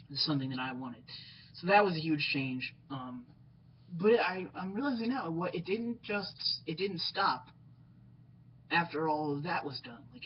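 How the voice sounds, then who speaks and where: A young man speaking in a personal video diary, reflective and hesitant, with many pauses and ums. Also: on the high side. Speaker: vlogger. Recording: slightly dull lo-fi sound with faint noise.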